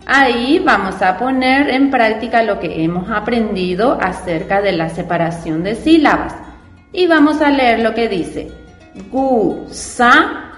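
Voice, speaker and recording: A woman's voice: fairly high pitch, expressive, unhurried. A woman teaching children to read, spelling out syllables patiently and asking the class simple questions. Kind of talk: reading and spelling lesson for children. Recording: echoey room with long reverb and faint music.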